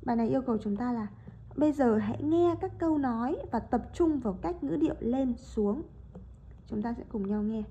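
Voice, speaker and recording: High, mellow-voiced woman teacher. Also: animated, lo-fi sound, slight background noise. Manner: explains step by step and keeps checking with rhetorical questions; reads example sentences slowly with exaggerated rising and falling intonation. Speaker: English teacher. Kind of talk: explaining a lesson.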